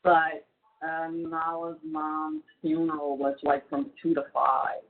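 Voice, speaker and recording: Over the tinny line of a prison payphone, a woman chats casually and rambles with many fillers. Her voice is low-pitched, her tone level, and she talks slowly.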